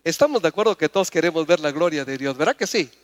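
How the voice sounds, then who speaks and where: A male pastor preaching a sermon and asking the congregation questions, his voice climbing louder and higher as he presses a point. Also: lively intonation, fast talker, long reverb tail. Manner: preaching with call-and-response questions, climbing loud and high.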